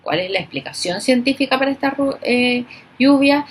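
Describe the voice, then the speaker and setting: Woman, teacher, recorded class, slow emphatic delivery, stressed example words, a bit high-pitched. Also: lively intonation, breathy edge.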